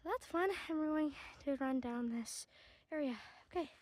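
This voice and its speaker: A woman's voice: high-pitched, normal speed, darkish tone, dry recording. A woman chatting casually to viewers in a vlog, out of breath and breathing heavily. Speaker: hobby horsing vlogger.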